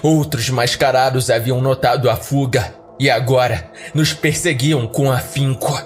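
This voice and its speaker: A podcast host with a Brazilian accent narrates a scripted first-person horror tale dramatically, with music playing beneath him. He speaks in a steady, unhurried way at a medium pitch.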